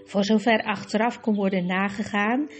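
A woman reading a storybook aloud in a lively, expressive way. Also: medium pitch, normal speed, music in the background. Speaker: narrator.

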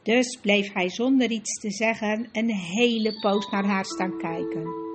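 Woman calmly reading a children's story. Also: medium pitch, measured pace. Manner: calm, gentle storytelling. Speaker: narrator. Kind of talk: audiobook narration of a children's story. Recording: music playing behind the voice. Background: music.

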